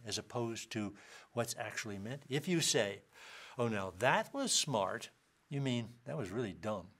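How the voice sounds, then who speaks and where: A man's voice: mid-range voice, slightly rough. A man giving a university lecture, explaining ideas with dry wit and reading out short quotations.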